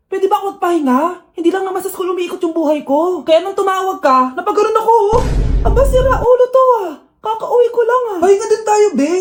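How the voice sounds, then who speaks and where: A woman performing short comic skits, switching between exaggerated character voices. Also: extremely high pitch. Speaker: sketch performer playing many parts. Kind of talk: comedic skits, acting all roles. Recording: music playing behind the voice.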